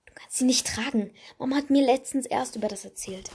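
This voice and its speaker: A woman's voice: sits high, a little fast, darkish tone, breathy edge, exaggerated voice. A woman voicing an anxious young wizard boy who talks urgently.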